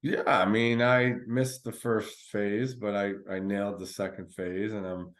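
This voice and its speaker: Laid-back rambling man, low voice. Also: little pitch movement, unhurried. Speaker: podcast co-host. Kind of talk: casual chat.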